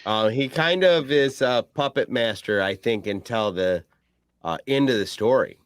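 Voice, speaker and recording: A man's voice: medium pitch, unhurried, smooth, dry recording, studio quality. A man hosting a casual podcast, steering the talk with questions and the odd swear. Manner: leads questions, casual and profane. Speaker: podcast host.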